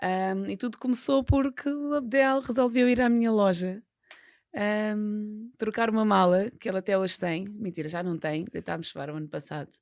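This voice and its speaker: Brief: Portuguese woman co-host, mid pitch, laughs and pushes back, dry close mic. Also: moderate pace, a little mellow, dry recording. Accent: European Portuguese. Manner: laughing, bantering and contradicting. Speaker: podcast co-host. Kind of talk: casual chat.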